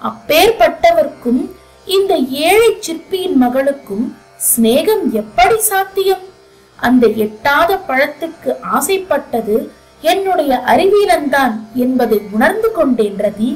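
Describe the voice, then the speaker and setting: A woman's voice: sits high, expressive, slow, poor audio. A woman narrator voicing an angry, hurt young dancer who talks bitterly through her pet deer, over faint music.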